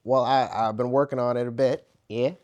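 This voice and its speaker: A man, a stand-up comedian, talking in a lively, playful and enthusiastic way. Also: medium pitch, brisk, dull audio. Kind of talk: stand-up and mock interview. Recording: loud live club with crowd noise.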